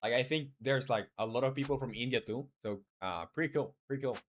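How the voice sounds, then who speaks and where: A man works through his code on a live stream. His voice sits at a middle pitch. He talks things through aloud, full of fillers and restarts, and gives his viewers friendly replies. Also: fairly quick, slight background noise. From Chile. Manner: thinks aloud, hesitant with many fillers and restarts. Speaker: game developer streaming live. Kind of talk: casual live-stream coding chat.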